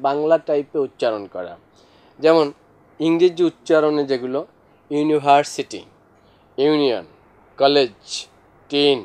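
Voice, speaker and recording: A male teacher with a high-ish, slightly mellow voice gives a classroom lesson explaining vocabulary. He addresses students directly and lists examples one after another.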